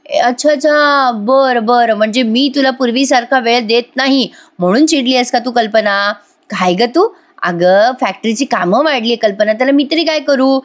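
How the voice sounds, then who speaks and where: A teasing, needling middle-aged husband, read out by a woman. He fires off question after question in a lifted, higher voice, half playful and half pushy. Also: moderate pace, natural voice.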